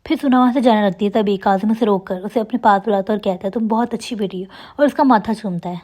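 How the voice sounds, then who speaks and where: A young woman telling the plot of a drama episode as a steady storytelling recap, reading the characters' lines in her own voice. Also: mid-range voice, dull audio.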